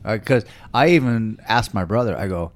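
A man's voice: fairly low pitch, normal speed, no room sound, clean studio sound. A man co-hosting a casual chat, telling stories with energy and acting out quotes. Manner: animated storyteller, acts out quotes.

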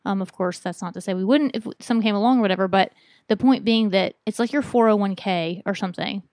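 A woman's voice: medium pitch, brisk, darkish tone, no room sound, clean studio sound. A woman co-hosting a podcast, chatting casually and carrying the talk in long rambling turns. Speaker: podcast co-host. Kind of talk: casual chat.

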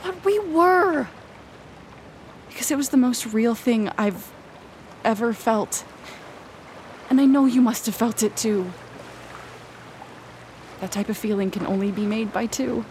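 A woman's voice: fairly high pitch, darkish tone, slight background noise, close to an everyday voice. A woman acting an earnest, wounded young best friend in an audio drama, speaking with emotional insistence.

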